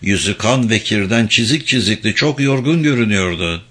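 A man narrating an audiobook in a dramatic, expressive reading style. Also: lowish voice, normal speed, breathy edge. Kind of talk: scripted narration.

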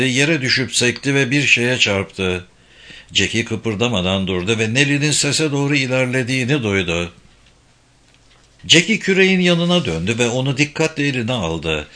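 Bright-voiced man reading a thriller. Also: medium pitch. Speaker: narrator. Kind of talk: audiobook narration of a thriller.

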